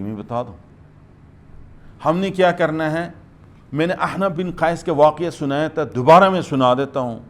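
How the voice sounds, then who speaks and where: A man, a mufti, giving a lecture-style commentary on scripture to a gathering, emphatic and often checking in with his listeners. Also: fairly high pitch. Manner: emphatic, asks "hm?" and "theek hai" to the listeners.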